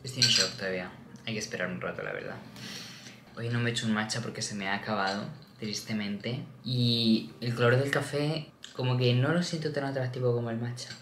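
A man's voice: mid-range voice, brisk, noisy background. A young man, vlogging casually to camera, chatty and self-mocking, dropping in English phrases. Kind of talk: casual vlog chat to camera. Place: at home. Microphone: compact camera mic.

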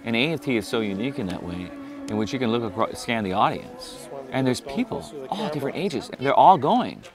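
A man who is an actor, talking in an easygoing, animated way in an interview. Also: medium pitch, brisk. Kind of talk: documentary interview. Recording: music playing underneath.

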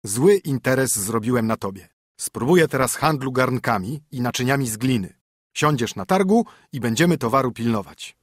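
A man's voice: mid-range voice, lively intonation, moderate pace, dry recording, studio quality, close to an everyday voice. A man reading a fairy tale audiobook, voicing a stern poor minstrel husband who commands and scolds his wife. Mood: scolding.

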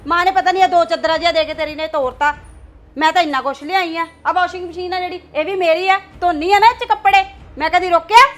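A woman plays a boastful elder sister-in-law with a Punjabi accent who taunts and brags in a high voice. Soft music plays behind her. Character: proud older sister-in-law, sharp-tongued housewife. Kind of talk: family drama acting.

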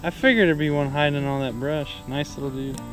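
A young man with a fairly high voice talks fast, joking casually with a laid-back, teasing air while he fishes outdoors on a wooded river. He's a fishing vlogger, recording on an action camera he wears or holds, and there's music behind him on a low-quality recording. His chat is full of jokey exaggeration.

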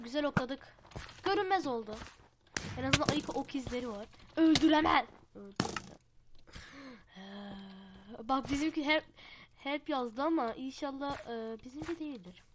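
A woman talks her way through a game at home, chatty and excitable, with frequent laughs. Her voice sits a little high. The headset recording carries a clear layer of background noise. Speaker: gaming channel host. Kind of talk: casual gameplay commentary. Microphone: headset mic.

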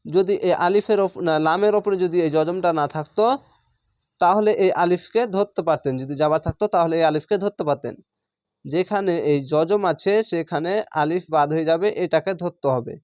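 A man's voice: on the high side, brisk, darkish tone, no echo, clean studio sound. A man teaching Quran recitation, spelling words out syllable by syllable with a Bangladeshi Bengali accent and drawing out the chanted words.

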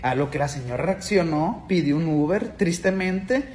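A man with a Mexican Spanish accent, a ride-hailing driver, telling a comic anecdote in slangy, animated speech. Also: fairly high pitch, moderate pace.

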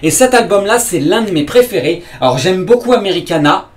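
A man with a fairly high voice talks to camera in a casual vlog, rambling with enthusiasm. He circles back on himself, repeats phrases and leans on fillers between points. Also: animated, a little fast, a little hiss or hum. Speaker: vlogger. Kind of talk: casual unboxing vlog talk.

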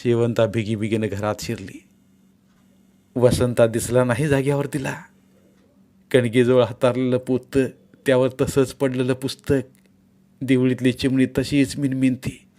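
A man narrating an audiobook story in a steady, expressive storytelling manner. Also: mid-range voice, a little slow, pauses often.

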